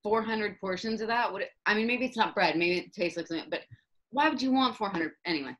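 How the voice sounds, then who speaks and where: A woman with a mid-pitched voice, co-hosting a relaxed podcast chat. She keeps things playful and keeps asking questions. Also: fast. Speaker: podcast co-host.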